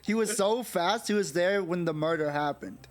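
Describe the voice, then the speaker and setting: A man co-streaming a game, throwing teasing deadpan jabs and laughing often. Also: high voice, normal speed. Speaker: streamer co-host. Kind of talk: casual let's-play chat.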